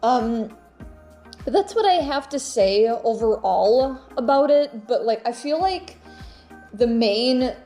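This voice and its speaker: A woman's voice: fairly high pitch, animated, warm tone, faint music behind. A young woman vlogger chatting casually and telling personal stories, often stopping and repeating her words as she goes. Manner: halting, repeats words and phrases.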